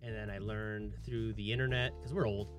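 A man's voice: on the low side, steady tone, fairly quick, over music. A man in his thirties from Michigan, co-hosting a casual podcast chat and retelling stories with animation. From Michigan, USA. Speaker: podcast co-host.

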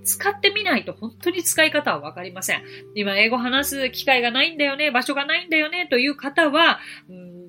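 A woman's voice: fairly high pitch, sharp tone. A woman hosting a podcast lesson as an English teacher, explaining things step by step in a friendly, encouraging way.

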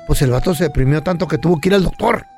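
Gravelly high-voiced podcast host. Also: male voice, fast, soft background music. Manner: animated storyteller, slangy Mexican speech. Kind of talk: casual comedic chat.

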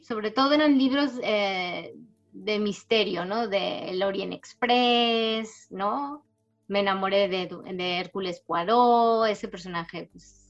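A woman's voice: mid-range voice, highs cut off. A middle-aged Spanish-born woman raised in Panama, an author answering interview questions thoughtfully, her accent a mix of Latin American and Spanish. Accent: mixed Latin American and Spanish. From Spain, raised in Panama. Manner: warm storytelling, thoughtful, frequent tag questions. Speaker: writer, interview guest.

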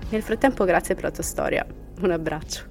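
A woman's voice: fairly low pitch, fairly quick, over music. A woman hosting a podcast, reading listener horror stories and reacting with laughs, sometimes sinking to a whisper for the eerie parts. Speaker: podcast host.

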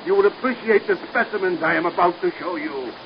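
In a scratchy, lo-fi 1930s radio drama, a male actor with a high voice speaks fast as a megalomaniac mad scientist breeding giant spiders. He gloats theatrically, his voice rising to shrieks.

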